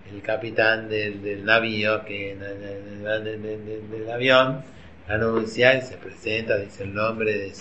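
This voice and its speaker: A man's voice: fairly low pitch, sharp tone. A man with an Argentine accent gives a religious teacher's informal lecture to a class of women, constantly quizzing them with questions. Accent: Argentine Spanish. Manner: chatty, keeps quizzing the audience with questions. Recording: roomy, slightly dull recording with faint hum.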